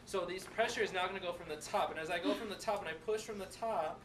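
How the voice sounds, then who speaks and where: Man teacher, high voice, animated classroom demo, keeps asking "right?", distant mic, noisy room. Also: quick pace. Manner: animated, checks in with "right?" and "okay?". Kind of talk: classroom demonstration.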